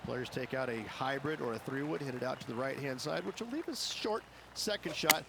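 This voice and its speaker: A man's voice: mid-range voice, expressive, brisk, vocal fry, noisy background. A man giving golf commentary as an analyst, explaining play in a conversational way.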